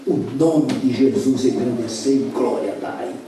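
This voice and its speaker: A Brazilian man preaching a sermon, telling a story dramatically with sweeping swings between loud and hushed delivery. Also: mid-range voice, slow pace, a crowd in the background. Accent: Brazilian Portuguese. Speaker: pastor. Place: church sanctuary. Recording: very echoey church hall, mic far off.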